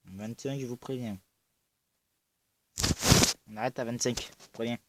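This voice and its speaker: A gamer with a southern French accent gives casual, excitable commentary, often bursting into loud exclamations and swearing. He speaks at medium pitch and a moderate pace over background noise.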